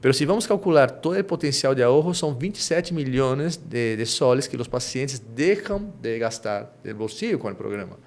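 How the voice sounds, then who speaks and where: A middle-aged man from Brazil, Portuguese by roots and with a Lima Spanish accent, is interviewed conversationally about his company's work, restarting phrases and often ending points with a quick question. His medium-pitched voice has lively intonation and a darkish tone. A little hiss or hum sits in the recording.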